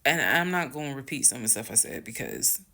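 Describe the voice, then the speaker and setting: A woman's voice: extremely low pitch, very animated, fast, vocal fry, sharp tone. A woman telling a dramatic story straight to her viewers in a casual storytime. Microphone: phone.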